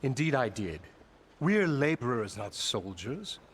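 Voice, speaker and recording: In a video game, an actor voices a pompous, blustering middle-aged labor boss who speaks in grand, flattering, evasive turns of phrase. The male voice is mid-range and breathy-edged, with a measured pace.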